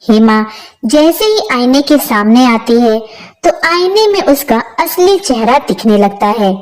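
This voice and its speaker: High-voiced woman storyteller. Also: lively intonation, measured pace, a little mellow, low-quality recording. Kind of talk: scripted story narration.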